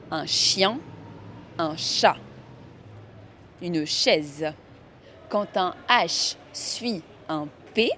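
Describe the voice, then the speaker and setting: A woman teaching pronunciation in a scripted lesson, enunciating each word clearly. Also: on the low side, fairly bright tone, a little hiss or hum. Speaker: French teacher.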